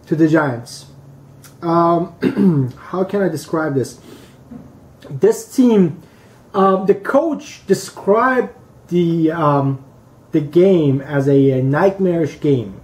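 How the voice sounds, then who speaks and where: A man hosting a casual sports rant, talking bluntly and halting often on fillers. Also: a little high, a little mellow. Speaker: sports fan vlog host.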